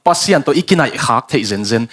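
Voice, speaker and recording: A man's voice: rapid-fire, fairly bright tone. A man preaching a sermon, building emphasis and dropping in English phrases.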